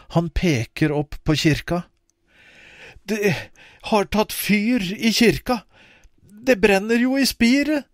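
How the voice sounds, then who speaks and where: A man narrating a children's audiobook expressively, with wide swings in pitch. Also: no echo, studio quality.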